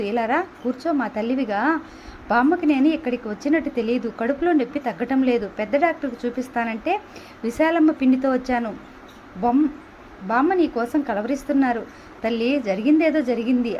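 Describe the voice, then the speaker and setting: High-voiced pleading mom read by a woman, soft and imploring, faint hiss behind. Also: close to an everyday voice. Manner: gentle, imploring. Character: pleading middle-aged mother. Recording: dull lo-fi recording.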